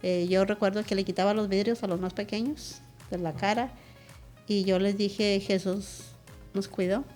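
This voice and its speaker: A woman's voice: medium pitch, fairly even intonation, moderate pace, darkish tone, soft background music. A woman pastor, a guest in an interview, recounting a personal testimony in a vivid, emotional way.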